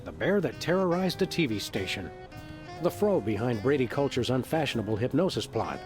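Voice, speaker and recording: An actor voicing a deadpan dog detective in a video game, delivering dry quips. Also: male voice, mid-range voice, brisk, over music.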